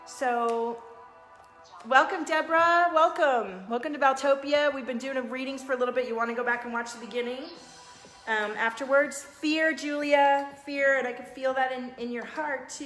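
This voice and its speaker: A fairly high-voiced woman coaching viewers on a live stream, chatty and motivational in tone. Her voice rings in an echoey room, with faint music playing behind her. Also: fairly bright tone. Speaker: life coach and energy reader. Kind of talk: casual live-stream talk.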